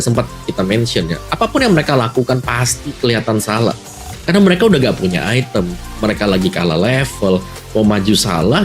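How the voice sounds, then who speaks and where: An Indonesian man giving live esports analysis and commentary in a conversational, emphatic way. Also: lowish voice. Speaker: esports caster.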